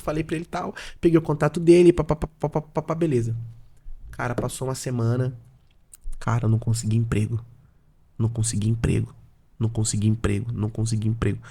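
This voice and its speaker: Gravelly-voiced Brazilian man telling a story. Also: mid-range voice. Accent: Brazilian Portuguese. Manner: acts out both sides of conversations, lively slang. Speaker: podcast guest, pastor and businessman. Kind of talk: animated storytelling with quoted dialogue.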